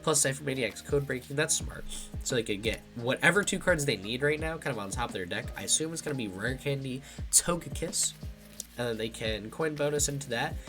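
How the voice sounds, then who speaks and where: Over music, a young man gives live, casual commentary on his own card game match, thinking aloud in a congested, faintly nasal voice. He speaks fairly quickly at a mid-range pitch, with expressive delivery.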